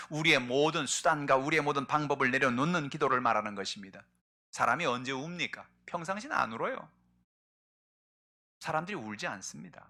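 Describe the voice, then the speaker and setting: A man preaching a sermon as pastor, asking rhetorical questions and swinging between hushed and loud passages. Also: mid-range voice.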